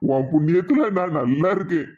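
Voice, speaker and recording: A man's voice: on the high side, lively intonation, brisk, narrow, tinny audio, loud music behind the voice, natural voice. A man voicing a weepy, affectionate old village grandfather with a Kanyakumari Tamil accent in a cartoon. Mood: fond.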